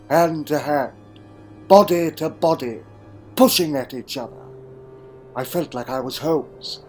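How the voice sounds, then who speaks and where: A man playing an eccentric, wry Time Lord adventurer, delivering a theatrical, brooding monologue in a fan audio drama. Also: a little high. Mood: grave, regretful. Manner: theatrical, brooding, with dramatic pauses and sudden exclamations.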